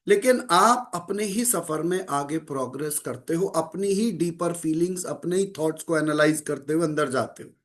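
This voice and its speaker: Calm man giving a spiritual talk. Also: fairly high pitch. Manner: calm, measured, mixes Hindi with English phrases. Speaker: spiritual speaker.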